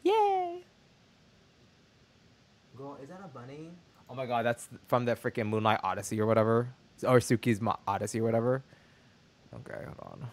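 A young man chatting casually while streaming a game, animated and full of slang. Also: medium pitch, quick pace. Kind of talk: casual gaming stream chat.

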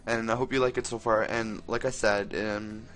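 A young man giving casual, excitable commentary while he plays, exclaiming often and talking to the characters on screen. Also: on the low side, normal speed, faint music behind. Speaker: gameplay commentator.

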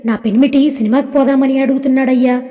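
A woman's voice: high voice, steady tone, fast talker, warm tone, lightly acted. A woman voicing a humble maidservant with deferential, rustic speech, in a storybook reading. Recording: long hall reverb.

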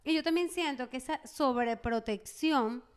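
A woman, co-hosting a casual chat podcast and telling animated stories that act out each scene. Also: high-pitched, moderate pace, clean tone. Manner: animated storyteller who acts out scenes. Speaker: podcast co-host.

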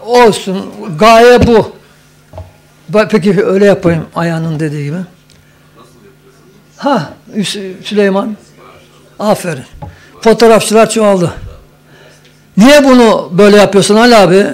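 A man with a high, light voice addresses a council from the lectern, his words carried by a podium microphone. He moves between formal, ceremonious greetings and teasing, joking remarks to the people in the room. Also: a little slow, long pauses. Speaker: commission representative reading a report to a council. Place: meeting hall of a professional chamber council.

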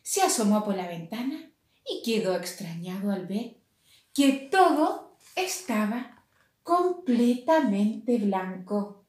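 A woman reading a picture book aloud to children in a gentle, expressive manner. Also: mid-range voice, takes it slowly. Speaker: storyteller for children. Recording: roomy echo.

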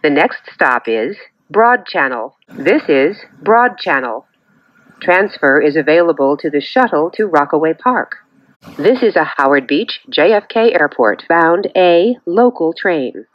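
A woman reading recorded train announcements over a train loudspeaker, measured and clearly enunciated. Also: low voice, very animated, no room sound. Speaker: transit announcer. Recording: dull lo-fi loudspeaker sound.

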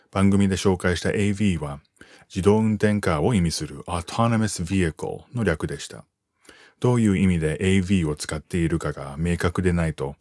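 A man raised in the United States reading an article aloud for language learners, in a calm, measured way that slows down to spell out terms. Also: low-pitched, no echo, studio quality.

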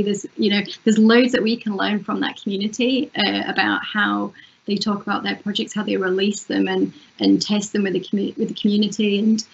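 A woman's voice: mid-range voice, gravelly. A woman festival director answering interview questions over a video call from a room at home, hesitant with many fillers and restarts. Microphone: wired earphone mic on video call. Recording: muffled video call audio.

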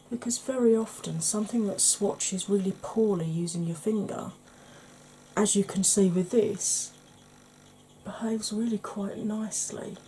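A Welsh beauty YouTuber with a mellow, medium-pitched voice speaks softly, often in a whisper, during an ASMR makeup tutorial filmed indoors at home with her face in close-up. Her manner is chatty and mildly sarcastic, and the low-quality recording carries a little hiss or hum.

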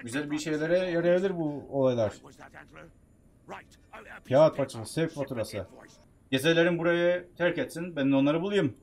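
A man giving casual, chatty commentary while playing a video game, excitable, bursting into shouts. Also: on the high side, normal speed, long pauses. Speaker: game streamer.

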